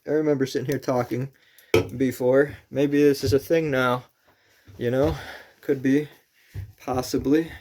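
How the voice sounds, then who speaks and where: A man's voice: medium pitch, noisy background. A man vlogging casually outdoors at night near a camper, rambling and correcting himself as he goes.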